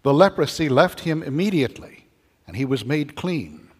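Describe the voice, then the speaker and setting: A man serving as deacon who reads the gospel and preaches a homily in a measured way, his voice carrying a cathedral echo. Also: fairly high pitch, big pitch swings, slightly rough. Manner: measured, stopping to restart phrases when preaching. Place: large church. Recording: long cathedral reverb.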